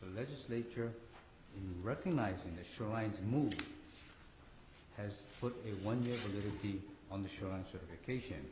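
A man with a hoarse, cold-affected voice giving a formal oral argument as an attorney in court. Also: on the low side, moderate pace. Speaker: attorney arguing for respondents. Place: large echoey courtroom. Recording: echoey hall, faint background noise.

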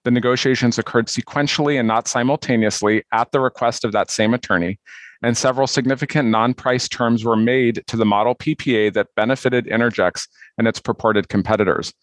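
A man delivers a formal legal argument as an attorney, laying out points in a measured, structured way. His pitch is average and the sound is dry, with no room around it. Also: dry recording. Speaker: appellant's attorney.

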